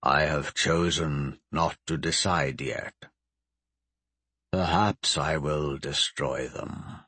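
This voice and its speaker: An ancient undead sorcerer, with an extremely deep, husky voice. He speaks slowly and with commanding calm, cold and grandiose, in a dry, close audiobook sound. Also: no echo, exaggerated voice. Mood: calm, dismissive. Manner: slow, measured, commanding. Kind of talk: audiobook character voice.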